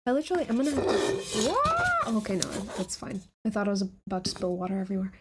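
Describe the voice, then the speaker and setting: A woman's voice: mid-range voice, lively intonation, rapid-fire, heavy background noise. A woman live-streaming a reaction to her own old videos, chatting casually in a giggly, scattered, self-mocking way.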